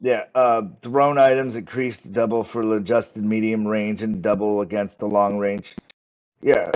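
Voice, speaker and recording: Halting male game master, slightly muffled. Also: on the low side, steady tone. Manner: halting, repeats words while explaining. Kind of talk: improvised tabletop game narration.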